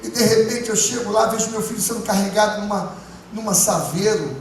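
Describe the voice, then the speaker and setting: A man, a pastor, giving an emotional testimony sermon, moving between hushed and loud. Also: high voice, fairly quick. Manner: impassioned, swinging from hushed to loud. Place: church. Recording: echoey church hall from far off, music behind.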